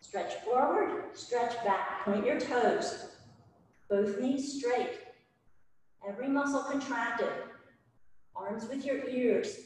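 A woman's voice: on the high side, slow, pauses often, a little mellow. A woman instructing a yoga class, calling out directive cues in short, clipped commands. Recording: very echoey hall, distant mic, background noise.

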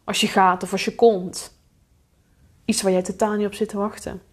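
A woman hosting a solo podcast, talking straight to the listener in a direct, confronting way and dropping into a low mutter for inner thoughts. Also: level tone, normal speed, darkish tone, breathy edge. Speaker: podcast host and coach.

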